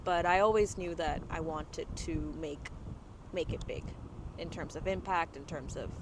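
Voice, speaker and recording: A woman's voice: deep voice, moderate pace, background noise. A woman in her twenties from Dubai, a guest entrepreneur talking casually in an interview, full of "you know" and "like" fillers. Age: 20s.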